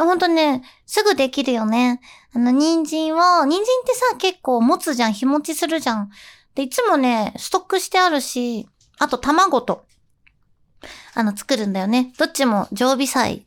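Woman host, voice actress; high voice, casual, giggly chat. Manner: chatty and giggly, sliding between polite and casual talk. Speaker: voice actress hosting a show.

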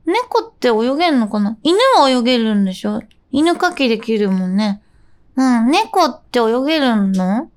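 A young woman with a high, bright-sounding voice hosts a casual radio segment. She talks in a bubbly, playful, chatty way. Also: expressive, normal speed. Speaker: radio host and live streamer. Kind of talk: casual radio chat with quiz.

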